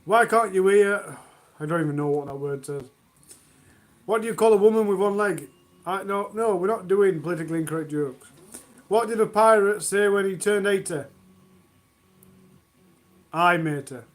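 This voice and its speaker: A man's voice: sits high, normal speed, pauses often. A man hosting a long charity livestream from home, reading out corny jokes and mocking them himself. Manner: self-mocking, groans at own jokes. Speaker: livestream host.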